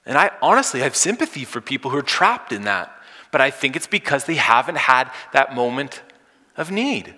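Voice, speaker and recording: A man preaching a sermon as pastor, swinging from loud emphatic lines to soft hushed ones. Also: medium pitch, big pitch swings, normal speed. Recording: long hall reverb.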